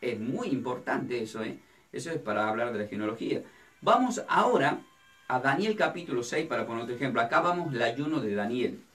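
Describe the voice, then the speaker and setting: A man's voice: mid-range voice, lively intonation, fast talker, a bit bright. Man, pastor, Bible study sermon, asks and answers his own questions, distant mic. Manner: asks the audience questions and answers them himself. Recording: distant mic with faint music.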